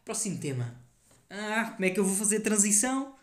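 Young male host, European Portuguese accent, high-ish voice, rambling slangy chat, echoey room. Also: very animated, a little fast. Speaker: podcast host. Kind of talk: casual solo podcast chat.

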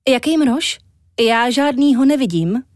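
A woman reading a children's story, voicing a vain, chatty young woman with a high, flighty voice. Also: lively intonation, darkish tone, no room sound, clean studio sound.

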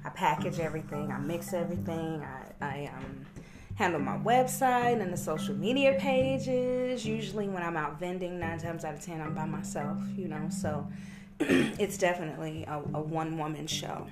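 A woman's voice: low voice, normal speed. A woman speaking as a guest in a casual podcast interview, explaining things conversationally. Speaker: podcast guest, skincare entrepreneur. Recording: loud music behind the voice.

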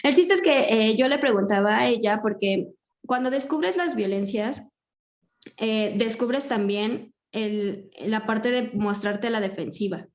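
Chatty woman podcast host, higher voice. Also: measured pace. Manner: reflective, retells dialogue with many fillers. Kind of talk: casual podcast chat.

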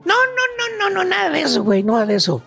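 Brief: shrill gravelly Mexican comic professor, slangy and rambling, radio comedy bit. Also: male voice, wildly swooping pitch, fast, sharp tone, faint music behind, heavily acted. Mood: joking. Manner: rambling, slangy, keeps saying "güey" and "fíjate nada más". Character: squeaky-voiced male joke professor lecturing on rustic types. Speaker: comedy segment presenter.

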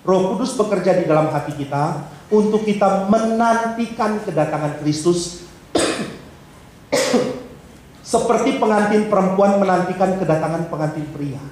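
High-voiced man preaching in an echoey hall. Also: moderate pace, a little mellow. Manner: humorous, acts out little dialogues in changed voices. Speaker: pastor. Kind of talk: sermon. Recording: very echoey hall, faint background hiss.

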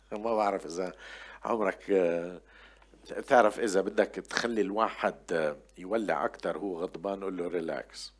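An older man delivers a sermon in a fairly low voice. He bursts into loud, emphatic scripture quotes, then drops back to soft, conversational asides. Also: moderate pace. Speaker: pastor.

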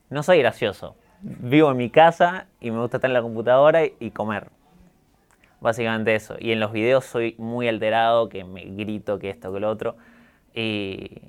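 A young man from Argentina with a neutralized Argentine accent, talking calmly and candidly as a guest in an interview. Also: mid-range voice, normal speed, clean tone. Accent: neutralized Argentine Spanish. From Córdoba, Argentina. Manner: calm, reflective, candid. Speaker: guest, YouTuber. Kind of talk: casual interview talk.

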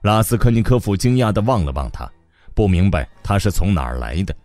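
A man narrating an audiobook in an expressive storytelling manner. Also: deep voice, fairly quick, no echo, faint music behind.

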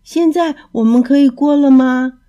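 A woman's voice: high voice, normal speed, voice pushed up, natural voice. A woman voicing a hasty, boastful young male rabbit in a storybook reading. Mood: excited. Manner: excitable, brash.

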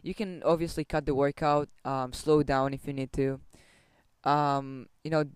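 A young man co-hosting a casual podcast, giving relaxed, reassuring advice with lots of fillers. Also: a little high, measured pace, clear, resonant tone, no room sound. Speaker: podcast co-host. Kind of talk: casual chat.

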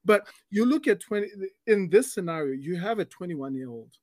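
High-pitched guy on a podcast, talks in analogies, stumbles and restarts, dry sound. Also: animated, a little fast, a little mellow, no room sound. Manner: explains with analogies, stutters on restarts. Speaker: podcast co-host giving dating advice. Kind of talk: casual conversational podcast.

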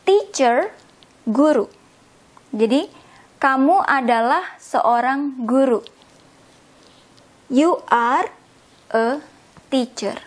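Woman, high voice, slow pace, patient teacher, repeats words, lesson explanation. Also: lively intonation. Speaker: English teacher.

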